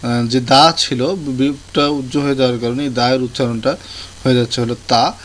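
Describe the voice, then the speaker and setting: A man explaining a language lesson in a tutorial, pausing often with fillers and restarting his sentences. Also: mid-range voice, steady tone. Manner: hesitant, many fillers and restarts. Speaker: language teacher. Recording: faint background noise.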